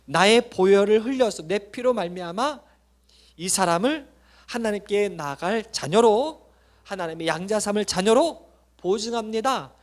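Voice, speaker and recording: A man's voice: high-pitched, animated, measured pace. Man doing a firm, loving savior figure, solemn and declaring. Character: firm, loving male savior vouching for his child.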